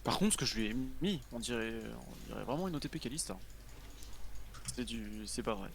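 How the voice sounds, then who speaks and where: A man chatting casually with teammates while playing an online game, in quick, short remarks. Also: medium pitch, animated, vocal fry, slight background noise. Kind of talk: casual gaming chat.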